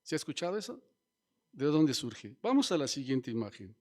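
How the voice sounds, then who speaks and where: A man's voice: mid-range voice, sing-song, normal speed, a little mellow. A man preaching a sermon as pastor, teaching and asking the congregation questions. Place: church.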